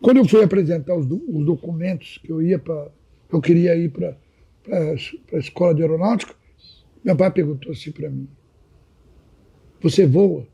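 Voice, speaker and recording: A man's voice: on the high side, moderate pace, gravelly, long pauses, slightly rough. A man, telling old stories as a podcast guest and often addressing the host by name. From Minas Gerais, Brazil. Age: 80s. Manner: animated anecdotal storytelling, repeatedly addressing the host by name. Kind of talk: casual storytelling chat.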